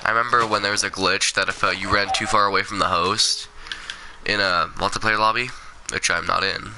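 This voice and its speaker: A man's voice: fairly low pitch, steady tone, brisk, background noise. A sick man streaming a game, rambling casually, swearing and talking back to the game. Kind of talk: casual gameplay commentary.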